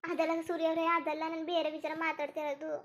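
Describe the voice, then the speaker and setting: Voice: high-pitched, little pitch movement, quick pace, fairly bright tone. A performer voicing a young wife in a cartoon who pleads tearfully for forgiveness. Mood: earnest. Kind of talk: cartoon voice acting.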